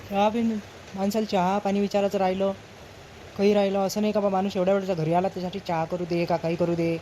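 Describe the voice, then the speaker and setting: A woman's voice: medium pitch, flat delivery, fast, dark tone, a little hiss or hum, close to an everyday voice. Woman playing a grumpy Varhadi husband. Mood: accusing. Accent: Varhadi Marathi. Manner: scolding, nagging, blustering threats. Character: grumpy short-tempered husband, a man. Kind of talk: village comedy skit.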